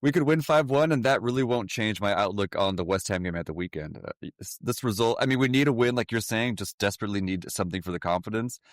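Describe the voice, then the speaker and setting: A man co-hosting a casual podcast, with a wry, deadpan sense of humor. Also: on the low side, fast talker, few pauses, no echo, studio quality. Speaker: podcast co-host.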